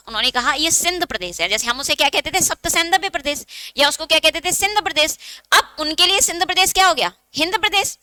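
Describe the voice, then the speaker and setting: A woman gives a Hindi exam-prep lecture, posing questions and answering them herself and dictating points for notes. Her voice is high, pushed, and bright, and the recording is dry.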